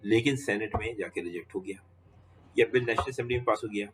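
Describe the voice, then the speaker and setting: A man's voice: on the low side, fast talker. A man giving a law lecture, walking students through each step and repeating questions back to the class.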